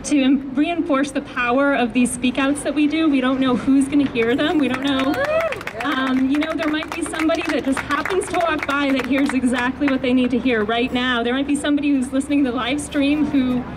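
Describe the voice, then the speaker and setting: At an outdoor rally on a city street, an activist with a soft, high voice gives an earnest speech at a steady tone and slightly fast pace, with fillers and restarts. She holds the handheld microphone close, and the noisy recording carries traffic and street sounds.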